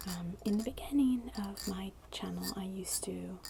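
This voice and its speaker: Soft whispery asmr lady, crackly fry in her voice, casual rambly chat, nails clicking on glass behind her. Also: medium pitch, moderate pace. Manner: very soft, breathy, hushed delivery. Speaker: ASMR video creator. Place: indoors at a wooden table. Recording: clicky tapping noise over close voice. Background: fingernail tapping and scratching on glass bottle.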